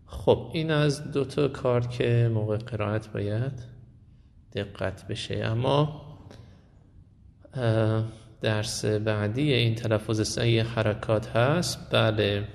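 A man with a gravelly voice of middle pitch teaches a Quran recitation class. He talks slowly and hesitates often, and he repeats sounds aloud to show how they are said. His voice carries a long echo, as if he is speaking in a large hall. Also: a little mellow. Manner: explains slowly with many hesitations, demonstrates sounds by repeating them. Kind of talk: classroom lesson.

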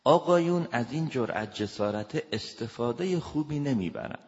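A man lecturing as a family counselor, talking in a lively way and acting out little dialogues with raised voices. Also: medium pitch. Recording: dull lo-fi recording with long reverb.

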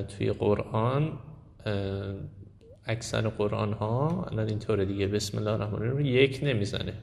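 A man teaching a Quran recitation class. He explains slowly, hesitates often and repeats sounds aloud to demonstrate them. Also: on the low side, creaky, darkish tone, big-room sound. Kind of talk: classroom lesson.

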